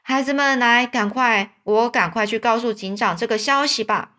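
A woman's voice: on the high side, normal speed, sharp tone. A woman reading as a kind old man. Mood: kindly. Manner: kindly, talkative. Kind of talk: storybook reading.

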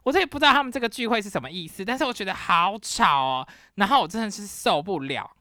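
A young Taiwanese woman with a Taiwanese Mandarin accent, hosting a podcast and telling a story in a casual, animated way, acting out scenes dramatically. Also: medium pitch, fast, no echo, studio quality. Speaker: podcast host.

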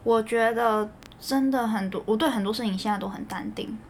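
A woman in her thirties with a Taiwanese Mandarin accent, a guest entrepreneur in a casual chat, with quick interjections and calm answers. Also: on the high side, slight background noise.

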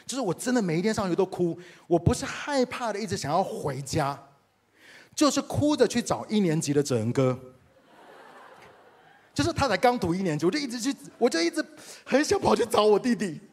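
A man from Taiwan with a Taiwanese Mandarin accent, a pastor telling a personal story in a sermon and speaking directly to the congregation. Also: high-pitched. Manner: animated, addresses the congregation directly.

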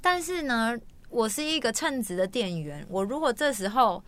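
A young woman, hosting and telling a story in a lively, animated way, acting out the voices of people she quotes. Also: a little high, normal speed, dry recording. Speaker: host. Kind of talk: casual storytelling chat.

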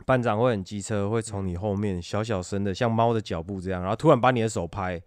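A man with a Taiwanese accent telling stories in casual conversation, animated and illustrating them with vocal sound effects. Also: lowish voice, fast, dry recording. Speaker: guest telling his military service stories.

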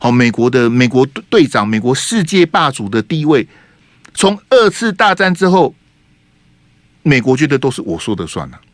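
A man's voice: mid-range voice, normal speed, no echo. A middle-aged man, hosting a radio talk show with rhetorical political commentary and many 哈 and 啊 tags. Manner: animated and rhetorical, tags sentences with 哈 and 啊. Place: radio studio.

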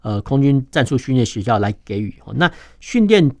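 A man, a defense journalist explaining military matters as an interview guest, filling his phrases with drawn-out "oh" and "ha" sounds. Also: medium pitch, big pitch swings, darkish tone, no room sound, clean studio sound. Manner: peppers phrases with drawn-out "oh" and "ha" particles.

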